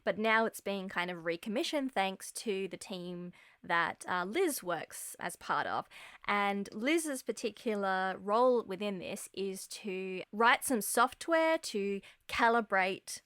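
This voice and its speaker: A woman's voice: mid-range voice, expressive, slow, a bit bright, clear, resonant tone, dry recording, studio quality. A woman co-hosting a science podcast, steering the talk in a friendly casual way and introducing her guest. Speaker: podcast co-host.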